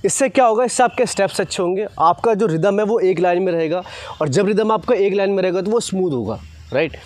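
Out on an open cricket field, a young man in his 20s gives an instructional talk to camera about fast bowling. His high voice is expressive and quick, he checks in with short tag questions, and the lapel mic captures a dry sound.

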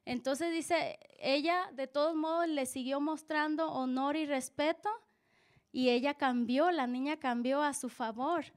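A woman's voice: sits high, fairly even intonation, a little slow. A woman speaking earnestly at a church service, giving a conversational sermon-style testimony with frequent restarts.

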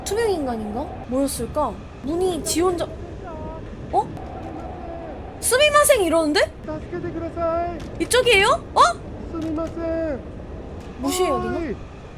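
Woman game streamer, very high and lively voice, jumpy and shrieky, with game noise behind; casual live commentary. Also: takes it slowly, long pauses. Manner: jumpy, shrieks and exclaims when startled.

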